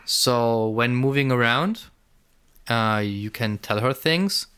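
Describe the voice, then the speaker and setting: A man's voice: mid-range voice, animated, takes it slowly, fairly bright tone, smooth. A man co-hosting a casual podcast, rambling and repeating words as he thinks aloud. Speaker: podcast co-host. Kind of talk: casual conversational podcast chat.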